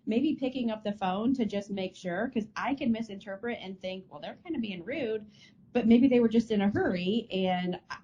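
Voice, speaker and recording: A woman's voice: medium pitch, moderate pace, dark tone, muffled recording. A woman co-hosting a casual podcast, speaking thoughtfully with frequent restarts over a remote connection. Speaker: podcast co-host. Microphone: remote call mic.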